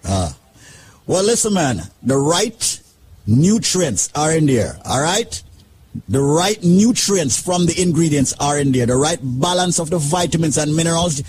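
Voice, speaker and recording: A man's voice: on the high side, sing-song, unhurried, darkish tone, breathy edge. A man hosting a radio talk show, upbeat and persuasive with a sing-song lilt. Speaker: radio host.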